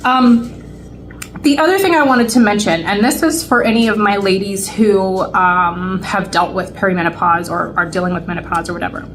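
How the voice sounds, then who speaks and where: A woman's voice: mid-range voice, moderate pace, a bit bright, slight background noise, rough recording. A woman in her late forties co-hosting a vlog, chatting casually with lots of fillers and restarts. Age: 40s. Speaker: vlog co-host. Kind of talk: casual chat to camera.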